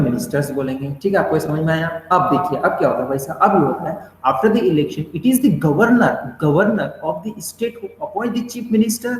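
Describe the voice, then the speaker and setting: Male lecturer, a touch high-pitched, question-driven delivery, echoey room with faint noise. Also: darkish tone. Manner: explains with repeated questions and "bhai sahab" asides, mixing English phrases. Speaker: teacher. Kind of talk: classroom lecture.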